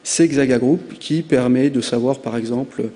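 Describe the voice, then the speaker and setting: A man's voice: medium pitch, normal speed, warm tone. Man presenting in a reverberant hall. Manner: hesitant, frequent "euh" fillers. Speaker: conference speaker. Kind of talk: conference presentation. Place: conference hall.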